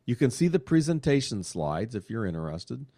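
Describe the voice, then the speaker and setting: A man hosting a radio show, chatting in a casual way, excitable and full of fillers. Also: medium pitch, moderate pace, no echo. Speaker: radio show host and money manager.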